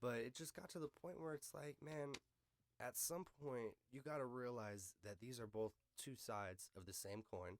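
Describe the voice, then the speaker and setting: Speaking at medium pitch and normal speed, this American man hosts a podcast, tossing out opinions in a casual, slangy, unscripted way with some profanity mixed in. There's a slight background noise.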